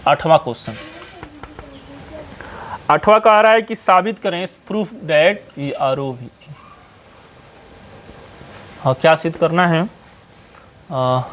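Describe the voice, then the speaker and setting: Man, Bihari Hindi accent, maths teacher, classroom lecture, slightly high voice, faint background hiss. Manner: scolding, advising, with frequent "है ना?" tag questions. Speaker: mathematics teacher. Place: classroom with whiteboard.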